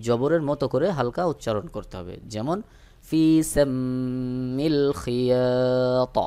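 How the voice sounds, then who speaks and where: A man teaching Quran recitation rules, explaining step by step and drawing out the example words slowly. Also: a little high, darkish tone. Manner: slow drawn-out demonstration of recited words. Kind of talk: tajweed lesson.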